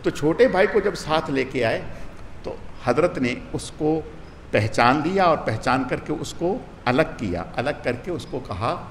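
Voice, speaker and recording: Male religious scholar, animated sermon storytelling, slightly high voice, reverberant hall. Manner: storytelling with voiced dialogue, rising and falling emphasis. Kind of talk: Quran commentary sermon. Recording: hall with long reverb, faint noise.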